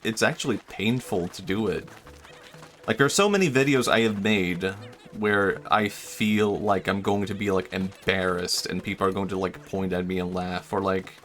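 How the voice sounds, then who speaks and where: Chatting casually while gaming on stream, a young man with a lowish, fairly bright voice thinks out loud. He rambles and reflects on himself, using lots of fillers, often trailing off and starting his sentences over.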